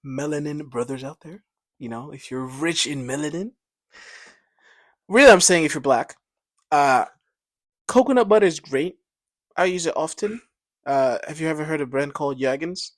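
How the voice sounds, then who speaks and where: A man's voice: a little high, normal speed, long pauses. A young man co-hosting a casual podcast chat, joking and laughing often. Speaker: podcast co-host.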